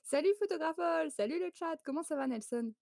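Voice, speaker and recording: A woman's voice: sits high, animated, fairly quick, creaky, a little mellow, dry recording, clean studio sound. A woman from France hosting a photo quiz on a live stream, chatty and laughing often as she greets viewers.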